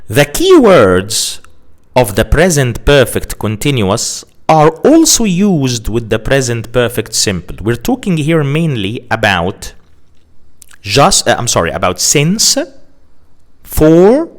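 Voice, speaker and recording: A man explains English grammar at an unhurried pace, leaning on each key word. His pitch rises and falls in a lively way as he teaches. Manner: slow, deliberate, spells out words and stresses key forms. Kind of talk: grammar lesson.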